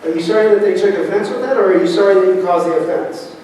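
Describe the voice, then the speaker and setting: A fairly high-pitched man delivers a sermon from a church pulpit, talking in a conversational way and often checking in with the congregation through quick questions. His voice is picked up from a distance in a big reverberant room, with a faint hiss behind it. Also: a little mellow. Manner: conversational preaching with frequent rhetorical questions to the congregation. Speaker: pastor. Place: church sanctuary. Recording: echoey hall, distant mic, faint noise.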